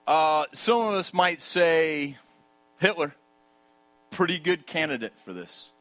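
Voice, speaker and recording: A man preaching with a slightly high-pitched voice. He leans on rhetorical questions and drives his points home with emphasis. At key moments he drops into a hushed tone. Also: animated, slow pace. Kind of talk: sermon.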